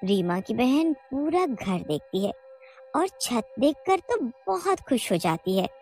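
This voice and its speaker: A woman narrating a cartoon horror story in a measured, even storytelling voice. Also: fairly high pitch, soft background music. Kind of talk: scripted narration.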